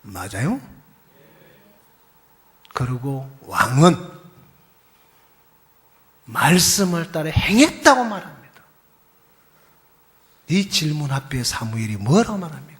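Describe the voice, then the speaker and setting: Fiery male pastor, high and lively. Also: takes it slowly, pauses often. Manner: fiery, swinging between shouts and hushed whispers; quizzes the congregation. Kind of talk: sermon.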